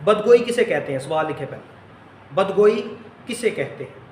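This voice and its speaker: A man teaching a Bible lesson, slowly repeating phrases so his students can write them down. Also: high voice, animated, a little mellow, slight background noise. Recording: echoey room.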